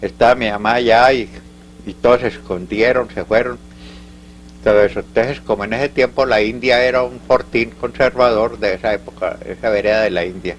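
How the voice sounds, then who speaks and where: An older man with a Colombian Paisa accent tells old stories in a fairly low voice. He halts, restarts and drifts into asides. A faint hum runs under the recording. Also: steady tone, poor audio. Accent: Colombian Paisa Spanish. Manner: rambling, halting, full of restarts and asides. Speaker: elderly interviewee recounting local history. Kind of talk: storytelling in an oral history interview.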